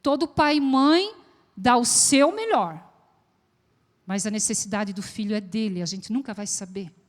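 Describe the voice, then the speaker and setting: A woman psychologist with a southern Brazilian accent gives a lively church talk, often putting questions to the congregation. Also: medium pitch, unhurried. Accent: Brazilian Portuguese, southern. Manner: lively, asks the audience questions. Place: church hall. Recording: long echo of a large church hall.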